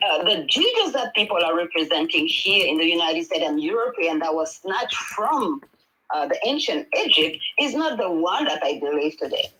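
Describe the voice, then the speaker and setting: Her fairly low voice swings widely in pitch, bright and forceful at a normal speed, as this Senegalese woman, a native Wolof speaker and midwife and healer with a Senegalese accent, speaks earnestly on a panel via video call. She rambles conversationally with fillers and restarts, and the low-quality recording carries a little hiss or hum.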